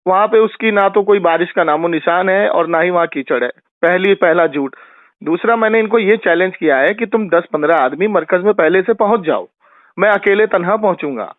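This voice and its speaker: A man's voice: sits high, no echo. A man in a heated phone argument as a religious debater, combative and taunting, accusing his opponent again and again. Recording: tinny phone line.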